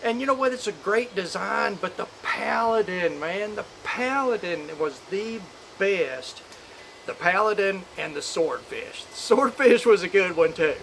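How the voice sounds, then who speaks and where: Higher-voiced man vlogging outdoors in wind noise. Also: lively intonation, measured pace, gravelly, fairly bright tone, rough recording. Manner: informal, rambling, opinionated. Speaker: knife review channel host. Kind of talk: casual chat to camera. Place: outdoors on a back porch in a storm. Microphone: phone camera. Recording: windy outdoor phone audio, storm noise.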